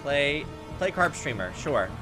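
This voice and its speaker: Pitched fairly high and swinging widely up and down, the host's voice moves at a measured pace. He chats casually to himself while playing, reading out game text, with music underneath.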